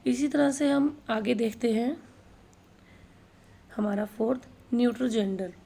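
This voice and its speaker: A woman teaching a grammar class at a slow, deliberate pace, spelling out word lists one item at a time. Her voice is fairly high, with a gravelly edge. Her tone is dark and mellow, and she keeps checking in with short tag questions. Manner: slow, dictating word lists, mixes English into Hindi; tag questions like "है ना" between points. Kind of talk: grammar lesson for exam prep.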